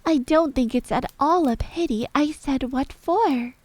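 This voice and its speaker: A woman's voice: sits high, unhurried, no echo, pitched above the performer's own voice. Young girl heroine, adult female reader: curious, polite, frank, light raised voice for a storybook.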